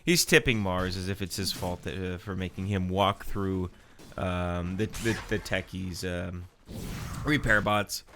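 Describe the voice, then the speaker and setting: A man's voice: low voice, fairly even intonation, unhurried, fairly bright tone, a little hiss or hum. A man with a stuffy nose giving casual, rambling live commentary on a video game match. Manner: rambling, chatty asides.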